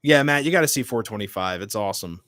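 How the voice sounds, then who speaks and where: A man's voice: lowish voice, expressive, quick pace, a bit bright, no echo, studio quality. A man in his late twenties hosting a livestream, chatting informally and hopping between short remarks as he answers comments. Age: late 20s. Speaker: livestream host. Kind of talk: casual livestream chat, reading and answering comments.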